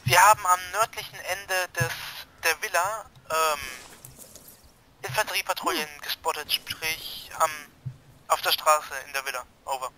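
A man calling in over a walkie-talkie radio, reporting a sighting in military radio style with hesitant filler pauses. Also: on the high side, heavy background noise. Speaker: squad player calling in a sighting. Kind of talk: military radio call in a tactical game.

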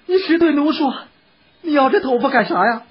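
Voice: high-pitched, animated, a little fast, pitched above the performer's own voice. A storyteller voicing a young concubine with a wheedling, sobbing manner, in a dull lo-fi recording. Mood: coaxing. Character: pleading young concubine, tearful and coaxing.

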